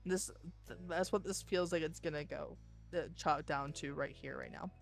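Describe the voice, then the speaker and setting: A woman streamer reading a visual novel aloud and thinking out loud between lines in a chatty way. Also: sits low, normal speed, gravelly, faint music behind.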